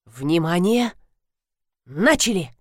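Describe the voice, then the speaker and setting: A woman reading an audiobook, voicing an excitable, bossy older mother-in-law who gives commands. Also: slow, no room sound, studio quality. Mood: commanding. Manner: commanding, shrill when alarmed.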